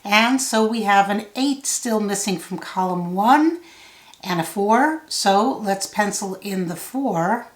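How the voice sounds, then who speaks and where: A woman giving a solve-along tutorial, thinking out loud step by step in a measured way. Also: medium pitch, expressive. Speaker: puzzle tutor. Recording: roomy, echoey sound.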